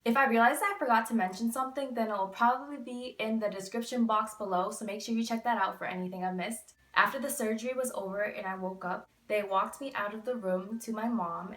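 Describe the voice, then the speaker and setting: A woman in her twenties with a mid-range, fairly bright voice gives recovery advice as a vlogger, chatting casually to camera with candid, emphatic asides. She's indoors in a small bedroom, and the camera sits a few feet away, so the sound is echoey and distant.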